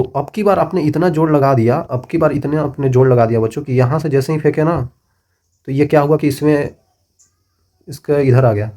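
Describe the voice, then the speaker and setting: A man's voice: mid-range voice, dark tone. A middle-aged man teaching a physics lesson, explaining with repeated checks and everyday examples. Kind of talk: classroom lecture.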